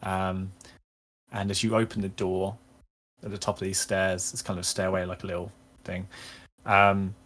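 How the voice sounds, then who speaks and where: A man with a fairly low voice runs a tabletop game, laying out each scene at a steady unhurried pace. He gropes for words, peppering his narration with ums and likes as he paints the room. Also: a little hiss or hum. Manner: hesitant descriptive narration with many fillers. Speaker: game master.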